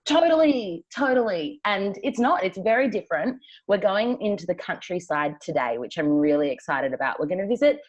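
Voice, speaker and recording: A woman's voice: mid-range voice, big pitch swings, brisk, hardly any pauses, highs cut off. A woman co-hosting a podcast in casual chat, telling travel stories with frequent laughter. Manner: chatty, laughs often, storytelling. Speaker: podcast co-host. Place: travelling, recording remotely.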